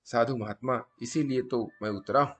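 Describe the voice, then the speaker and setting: A man's voice: medium pitch, steady tone, moderate pace, fairly bright tone, slightly rough. A man voicing a curious young male graduate who asks respectful, eager questions.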